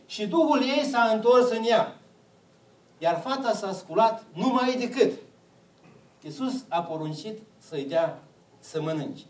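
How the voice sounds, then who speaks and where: A man's voice: high-pitched, expressive, pauses often, a little mellow, echoey room, far from the mic, low-quality recording. A man preaching a sermon, putting questions to the congregation and answering them himself.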